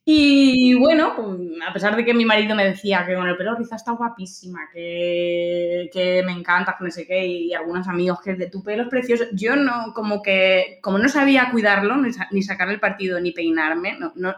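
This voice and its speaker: Lively woman telling stories in a roomy space. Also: mid-range voice, fairly quick. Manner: lively, expressive storytelling with acted-out quotes. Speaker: guest. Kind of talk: casual chat, personal storytelling. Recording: roomy echo.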